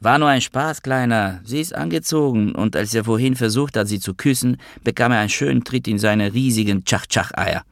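A man's voice: medium pitch, fairly quick, hardly any pauses, no room sound, studio quality, voice pushed up, lightly acted. A man reading an audiobook, voicing a teasing, sarcastic male friend on the phone. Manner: sarcastic, needling.

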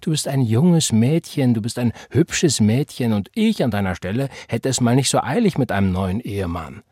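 A man's voice: mid-range voice, expressive, normal speed, mellow, slightly rough, dry recording, studio quality. A man reading an audiobook and voicing a blunt, motherly older woman who talks in an emphatic, preachy way. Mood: comforting. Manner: preachy, emphatic, invokes the Lord. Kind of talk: audiobook character voice.

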